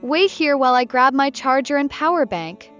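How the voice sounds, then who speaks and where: A woman's voice: high voice, lively intonation, normal speed, voice pushed up. A woman voicing a chatty heartbroken young woman. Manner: bright, chatty, bitter. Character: talkative young woman camper, heartbroken, tipsy. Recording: muffled with soft music behind.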